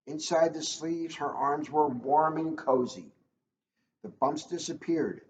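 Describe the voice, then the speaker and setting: A man reading a children's book aloud as a police officer drops casual asides, chatting and joking at his own expense. His voice is slightly high and darkish, and he reads slowly. The room is echoey, with dull lo-fi audio and faint noise.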